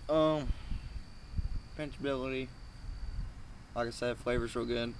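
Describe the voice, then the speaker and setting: Gravelly, flat-toned young man chewing tobacco. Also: mid-range voice, slight background noise, poor audio. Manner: talking with a dip of chewing tobacco in his lip; halting, informal, swearing. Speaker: amateur product reviewer. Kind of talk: casual rambling review.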